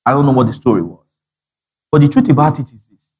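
A man's voice: mid-range voice, fast talker, breathy edge. A man preaching a sermon, telling stories with acted-out dialogue and frequent laughter. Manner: animated storytelling, acting out dialogue, frequent laughter. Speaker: pastor.

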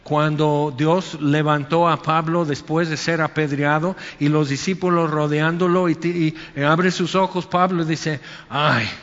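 A man's voice: on the high side, little pitch movement, unhurried, few pauses, long reverb tail, muffled recording. A male pastor preaching a Sunday sermon in a conversational way, acting out quotes and asides.

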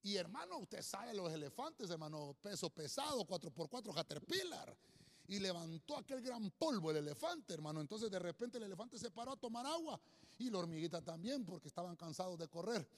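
Male preacher, higher voice, keeps saying brother, joking asides, long hall reverb. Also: very animated, a little fast. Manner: calls listeners "brother" nearly every sentence; jokey asides, repeats words while thinking. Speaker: preacher teaching a Bible study. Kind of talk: sermon-style Bible teaching at a whiteboard.

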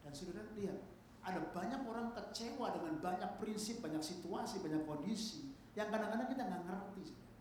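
Emphatic pastor in echoing church. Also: male voice, sits high, brisk, slight background noise. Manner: swings between loud emphatic peaks and quiet asides, mixes English words. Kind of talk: sermon. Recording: very echoey church hall.

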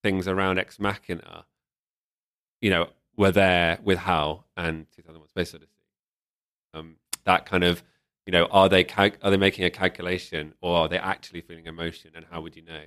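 A man's voice: low-pitched, little pitch movement, fairly quick, a bit bright, smooth, dry recording, studio quality. A man in casual podcast conversation, thoughtfully picking apart a film's themes with frequent restarts. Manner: thoughtful, analytical, many restarts. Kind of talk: casual film discussion.

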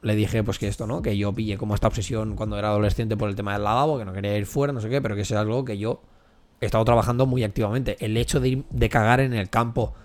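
A man's voice: on the low side, steady tone, rapid-fire. A man chatting candidly on a podcast, swearing often and restarting his sentences as he goes. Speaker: podcast co-host. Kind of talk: casual podcast chat.

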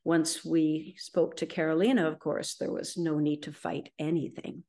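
Low-voiced middle-aged woman telling her story. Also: level tone, moderate pace, dark tone. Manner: rambling, with frequent ums and restarts. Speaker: interview guest. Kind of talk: conversational storytelling.

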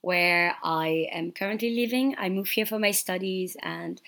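A young woman from Senegal, a guest artist in an interview, speaking thoughtfully with frequent pauses and fillers. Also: lowish voice, creaky, a bit bright. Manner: thoughtful, many fillers and restarts. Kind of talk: casual interview.

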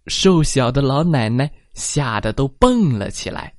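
A storyteller reading a children's story aloud, slow and expressive, adding sound effects. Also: medium pitch, no room sound, studio quality.

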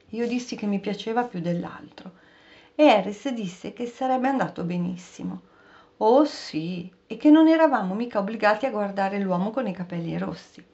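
A woman narrating a story aloud as an audiobook reader, in a steady, expressive storytelling manner. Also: mid-range voice. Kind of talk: scripted narration. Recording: dull, muffled recording.

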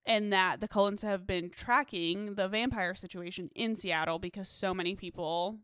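A woman's voice: mid-range voice, steady tone, moderate pace, a bit bright, clear, resonant tone, no echo, studio quality. Casual swearing woman recapping a movie. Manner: swearing, filler-heavy, recapping scenes. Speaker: podcast co-host.

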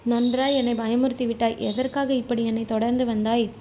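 A woman voicing a bold, quick-witted young woman who teases, in a storybook reading with faint hiss. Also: on the high side, little pitch movement, mellow, lightly acted. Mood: teasing.

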